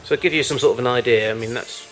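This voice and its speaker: A man with a mid-range, fairly bright voice walks through his collection of vintage tape recorders, chatting informally without a script. He stumbles, wanders and often corrects himself, with soft music in the background.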